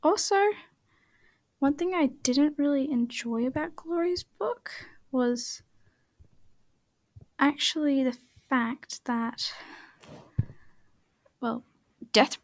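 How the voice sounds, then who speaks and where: A woman's voice: sits high, slow pace, pauses often. A woman chatting casually in a voice-over while she draws, rambling and often dropping to a half-whisper. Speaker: art channel creator.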